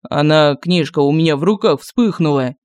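A male narrator voicing a calm, phlegmatic male turtle warrior in an audiobook. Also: a little high, moderate pace, clear, resonant tone, no room sound, natural voice. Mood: deadpan.

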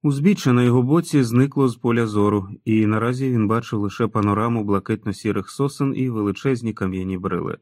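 A man's voice: on the low side, fast talker, hardly any pauses, a little mellow, dry recording, clean studio sound. A man reading an audiobook in a dramatic, storytelling manner. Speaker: audiobook narrator. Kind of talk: scripted narration.

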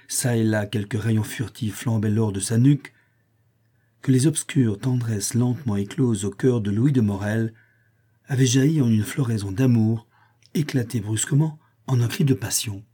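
Audiobook narrator, male, mellow and husky, measured literary reading. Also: fairly low pitch. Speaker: audiobook reader. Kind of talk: scripted narration.

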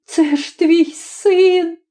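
A woman voicing a desperate middle-aged mother who cries out in a high, trembling, pleading voice in a storybook reading. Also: fairly even intonation, drawn-out words, darkish tone, full character voice. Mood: frantic.

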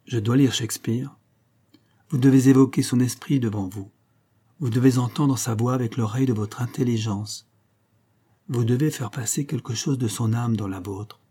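A man's voice: mid-range voice, mellow, breathy edge. A man narrating a classic novel as an audiobook, reading the dialogue with small shifts of tone for each character. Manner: measured, literary delivery.

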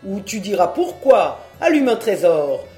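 A woman voicing a boisterous, tipsy peasant man in an audiobook, exclaiming loudly in rustic speech. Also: lowish voice, very animated, normal speed, echoey room, soft background music. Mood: ecstatic. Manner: loud exclaiming rustic talk. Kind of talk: audiobook character reading.

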